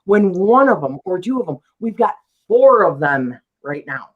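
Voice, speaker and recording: A woman's voice: lowish voice, big pitch swings, moderate pace, phone-quality sound. A woman hosting a casual live-stream chat, talking loosely, laughing easily and reading out viewer comments. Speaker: host of a live chat show.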